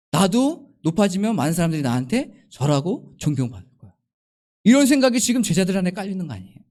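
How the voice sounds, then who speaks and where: A man's voice: sits high, a little mellow. A male pastor preaching a Sunday sermon, asking the congregation many questions and acting out the disciples' and Jesus' words. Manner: acts out quoted speech of disciples and Jesus.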